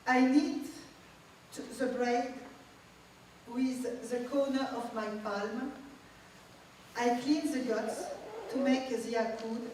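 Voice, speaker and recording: A woman, reading a personal memoir aloud as a guest speaker in a measured, reflective way. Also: a little high, darkish tone, a little hiss or hum. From Tunisia. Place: large event hall. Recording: echoey hall, distant mic.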